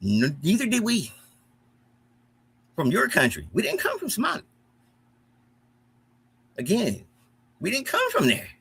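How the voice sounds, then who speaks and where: Heated, profane American man, animated. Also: high-pitched, measured pace, creaky, pauses often, breathy edge. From United States. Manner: animated, profane, repeats himself when heated. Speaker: commentary host. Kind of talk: heated reaction commentary.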